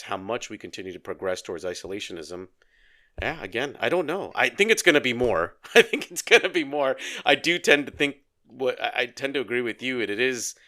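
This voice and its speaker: A man co-hosting a podcast in casual conversation, telling stories and acting out the dialogue in them. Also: on the low side. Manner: animated storyteller, acts out quoted dialogue. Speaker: podcast co-host.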